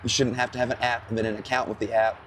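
A hoarse man whose voice is fading, talking quickly and loosely outdoors beside a charging station. He rambles and fills gaps with ums as he explains. There is faint noise around him. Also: medium pitch, level tone, fairly bright tone. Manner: chatty, rambling, full of fillers. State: hoarse, losing his voice. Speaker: co-host. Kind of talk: casual explanatory chat.

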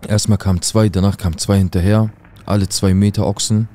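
A man telling his own life story in animated street slang, speaking to his listeners in a casual way. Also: on the low side, brisk.

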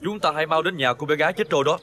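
A calm, measured aide. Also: male voice, fairly high pitch, no room sound. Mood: urgent. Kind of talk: Vietnamese folk-tale TV drama.

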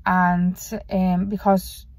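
A woman's voice: on the low side, completely flat delivery, very slow, darkish tone, no room sound. A young woman vlogging in casual, rambling chat, self-deprecating and swearing now and then. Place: parked car.

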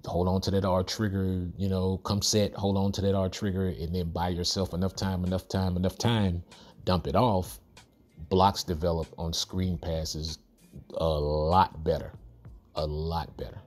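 A man's voice: deep voice, level tone, unhurried, darkish tone, soft background music. A man hosting a football video game tutorial, giving casual commentary over his own gameplay with cocky, playful trash talk and chuckles.

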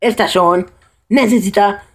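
A man giving casual live commentary over his own gameplay, excitable and prone to high shouts when things go wrong. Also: a little slow.

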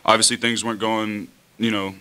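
Young man, college quarterback, post-game press conference, relaxed, bright tone. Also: on the low side, a little fast. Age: young adult. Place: press room in front of a team backdrop. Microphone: table mic on a stand.

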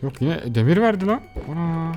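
Young man, let's play commentary, quick talker, bouncy high-ish voice, chatty with viewers. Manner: excitable, chatters to viewers while playing. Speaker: gaming channel host.

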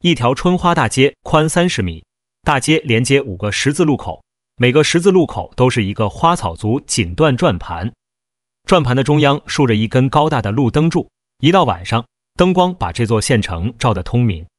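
A man narrating a first-person novel as a storyteller, in a steady, even read. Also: medium pitch, normal speed, dry recording, clean studio sound.

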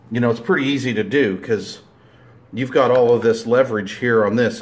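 A man talking through a hands-on repair tutorial in a rambling, plain-spoken way, full of fillers and restarts, filming close-up at a table indoors. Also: medium pitch. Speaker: DIY video maker.

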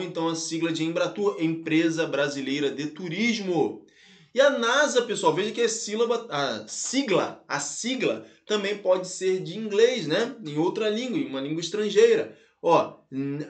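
Energetic Brazilian teacher, high echoey voice. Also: male voice. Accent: Brazilian Portuguese. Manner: lively, addresses viewers as "galera" and "pessoal", spells letters out slowly. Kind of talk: online grammar lesson.

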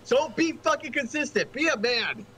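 A man's voice: extremely high pitch, animated, moderate pace, pushed and bright, slight background noise. A man bluntly needling a friend with profanity during a game stream. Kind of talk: casual banter.

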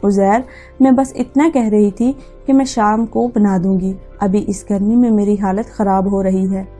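A woman reading as a sulky, sharp-tongued young wife in a storybook tale, snapping back at her elders and defending herself. Her tone is soft and dark, with faint music underneath. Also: mid-range voice, fairly even intonation, unhurried, slightly rough. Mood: pleading.

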